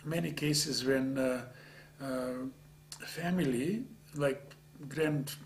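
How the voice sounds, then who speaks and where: An older man from Macedonia, a native Macedonian speaker, speaks English with a Macedonian accent in a reflective oral history interview, halting and earnest as he searches for words. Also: mid-range voice. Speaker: interviewee, author of dictionaries. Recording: faint hum and background noise.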